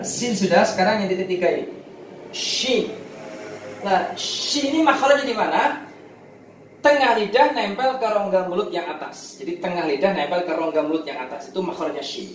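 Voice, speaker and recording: A man teaching recitation to beginners in a didactic way, repeating key points and sounding out syllables. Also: sits high. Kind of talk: instructional lesson for beginners, demonstrating letter sounds. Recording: roomy echo, distant mic, faint noise.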